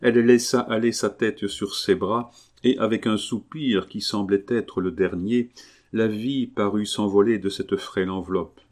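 A man with a low voice reads a classic novel aloud, steady and expressive. His narration moves evenly through the scenes, carrying the drama without hurry. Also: a little slow. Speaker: audiobook narrator. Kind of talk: literary audiobook narration.

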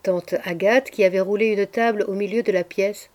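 A medium-pitched female narrator voices a literary audiobook. She reads with measured pacing and expressive storytelling, and there is faint music underneath.

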